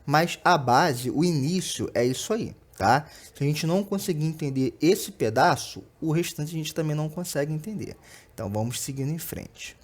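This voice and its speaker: A young adult man with a Brazilian Portuguese accent who teaches an online lesson over slides and explains patiently, often checking in with quick tags like "tá?" and "né?". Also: fairly high pitch, expressive.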